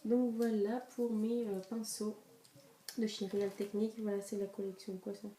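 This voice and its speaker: A woman's voice: mid-range voice, little pitch movement, moderate pace, dark tone, far from the mic. A young woman vlogger talking casually through a makeup haul, hesitant, with many fillers and restarts, recorded on a camera mic in a room at home. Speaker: beauty vlogger. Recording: echoey room, voice a bit off-mic, faint noise.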